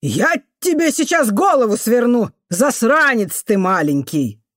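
A spiteful old caretaker woman snarls and shrieks abuse in a raised, loud voice, as a female reader puts her on. Her tirades swing high and low with venom. The recording is dry and close, like a storybook audiobook. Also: expressive, measured pace, dry recording. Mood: furious. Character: vicious foul-mouthed old female caretaker.

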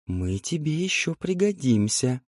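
A man's voice: a little high, very animated, unhurried, dry recording, studio quality, voice pushed up. A man voicing young concubines who whisper coaxingly, in an audiobook.

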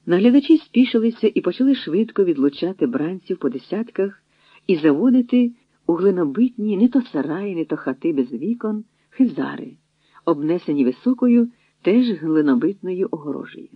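An audiobook narrator giving a measured, dramatic reading. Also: mid-range voice, big pitch swings, dry recording. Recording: dry, tinny phone-like audio.

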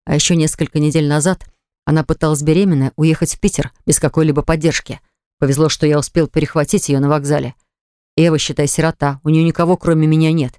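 A man voicing a hot-tempered young man in an audiobook, forceful and commanding. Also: a little high, level tone, fast talker, clear, resonant tone, dry recording, studio quality, lightly acted. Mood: angry, demanding.

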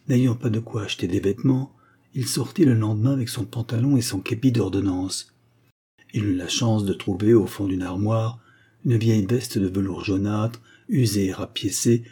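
A male audiobook narrator reading a classic novel in a steady, measured way. His voice is low-pitched and dark in tone, with a slightly husky texture. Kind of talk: scripted literary narration.

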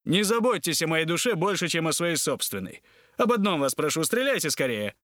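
A man's voice: on the high side, big pitch swings, fairly quick, a bit bright, no echo, studio quality. A man playing a defiant, desperate young officer. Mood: cold. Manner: tense, defiant.

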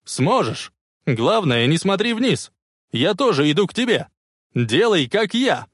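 A man voicing an eccentric older scientist who shouts urgent encouragement. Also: high voice, sing-song, unhurried, husky, no echo, clean studio sound, pitched above the performer's own voice, full character voice. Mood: urgent encouraging.

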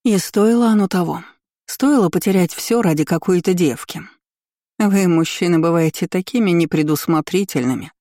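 A man's voice: high voice, moderate pace, dark tone, no room sound, studio quality, voice pushed up, lightly acted. A man voicing a cruel, mocking empress in a read-aloud novel, with a taunting, gloating, sing-song delivery. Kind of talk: audiobook character voice.

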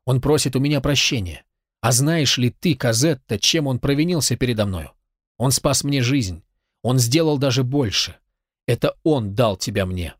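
A man's voice: mid-range voice, normal speed, dry recording, clean studio sound, lightly acted. A man reading the lines of an impassioned, grateful young man in a storybook, fervent and insistent.

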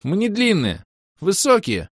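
A man voicing a squeaky, indignant young male elf in an audiobook. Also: huge pitch swings, unhurried, no room sound, clean studio sound, exaggerated voice. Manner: shrill, pleading.

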